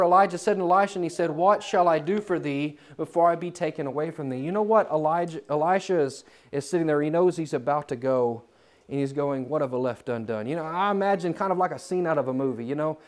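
A man preaching a sermon in a church, swinging from loud, climbing emphasis to quiet, low asides.

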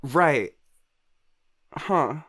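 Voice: mid-range voice, animated, drawn-out words, fairly bright tone, exaggerated voice. A player doing a flustered, rambling bird. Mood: awkward, nervous. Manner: hesitant, rambling, many fillers. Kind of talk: playing a character in a tabletop game.

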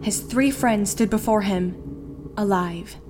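A woman's voice: medium pitch, slow pace, noisy background. A woman narrating a scripted folk tale as a storyteller.

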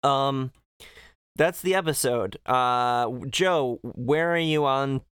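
A man's voice: mid-range voice, slow, fairly bright tone, smooth. A man co-hosting a podcast, chatting casually through a story recap and acting out the quoted lines as he goes. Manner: acts out quoted lines while retelling. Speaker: podcast host. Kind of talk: casual recap chat, reading out dialogue.

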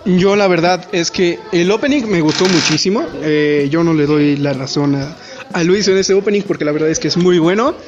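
High-voiced, animated podcaster. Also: male voice, normal speed. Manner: animated, rambling, self-deprecating. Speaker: podcast co-host. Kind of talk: casual chat recapping an anime episode. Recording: slightly dull podcast audio with faint music.

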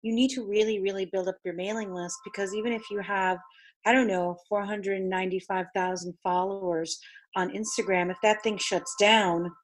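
A woman whose first language is Spanish, hosting a conversation as a business coach and telling lively stories. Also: mid-range voice, moderate pace. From New York City. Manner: animated storyteller, acts out quoted voices. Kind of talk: conversational interview.

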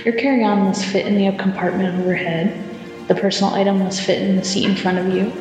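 A woman's voice: mid-range voice, flat delivery, a little mellow. Woman making an airport intercom announcement. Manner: polite, measured announcer delivery. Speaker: gate announcer. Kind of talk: scripted boarding announcement. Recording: echoey long-reverb hall with faint music.

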